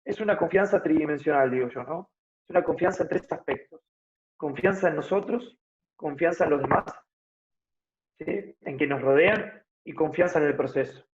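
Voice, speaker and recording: A man's voice: on the high side, moderate pace, dull audio, a little hiss or hum. Argentine man in his thirties, explaining. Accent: Argentine Spanish (Buenos Aires). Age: 30s. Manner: explanatory, thinks aloud with frequent tag questions. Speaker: guest, fitness motivator. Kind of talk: casual interview conversation.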